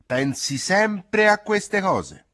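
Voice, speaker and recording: A man voicing an old peasant woman servant who scolds children in a shrill, angry voice. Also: very animated, drawn-out words, a bit bright, exaggerated voice.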